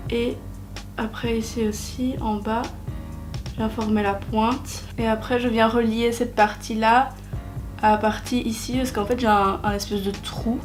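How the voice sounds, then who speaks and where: A woman's voice: a little high, flat delivery, measured pace, soft background music. A young woman talking through a makeup tutorial in a chatty way, with many hesitations and self-deprecating asides. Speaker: beauty vlogger.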